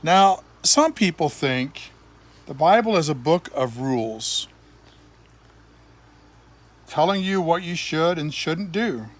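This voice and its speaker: With a voice on the high side, an older man reads a children's Bible storybook to his grandchildren, phrasing each line deliberately and pausing for emphasis in an expressive way.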